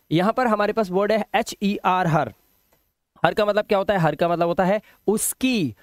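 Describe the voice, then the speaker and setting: Male English teacher, high voice, patient explainer, dry close recording. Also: a little mellow, no room sound. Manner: explaining patiently, repeating words with check-ins. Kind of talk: spoken English lesson.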